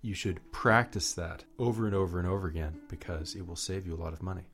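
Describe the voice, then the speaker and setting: A man's voice: low-pitched, fast, fairly bright tone, faint music behind. A man co-hosting a casual language lesson podcast, joking in a dry way. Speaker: podcast co-host.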